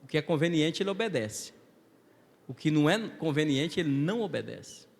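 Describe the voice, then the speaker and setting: A male Brazilian guest preacher delivering a Pentecostal sermon, moving from quiet storytelling to shouted, rhythmic calls to the congregation. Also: fairly high pitch, big pitch swings, moderate pace, gravelly. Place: large church hall. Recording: long hall reverb.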